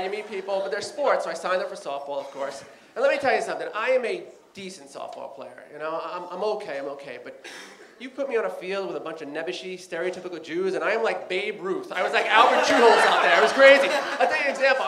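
A man's voice: high-pitched, a bit bright. A man in his thirties doing a chatty, rambling stand-up set in a comedy club, full of "you know" and "like". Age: 30s. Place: comedy club stage with live audience. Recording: roomy club with crowd noise.

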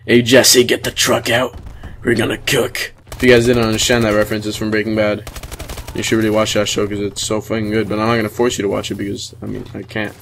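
A man's voice: lowish voice, monotone, gravelly, slight background noise. Man rambling through joking game commentary. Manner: rambling, joking, quick asides. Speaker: gaming commentator. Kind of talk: casual gameplay commentary.

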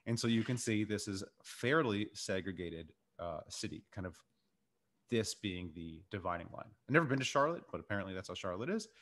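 A man's voice: lowish voice, expressive, fairly quick, fairly bright tone. A middle-aged man lecturing informally over slides, explaining things in a conversational way. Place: indoors in a warehouse.

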